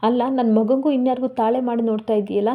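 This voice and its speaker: A woman's voice: a little high, fairly even intonation, quick pace, phone-quality sound, lightly acted. A woman voicing an indignant middle-aged father defending his son in a serial recap.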